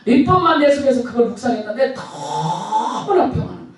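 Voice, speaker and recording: A man's voice: very high voice, big pitch swings, a little fast, distant mic. A male pastor preaching a Sunday sermon, telling a story with emphatic swings and laughter. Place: church sanctuary. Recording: echoey church hall, speaker off-mic.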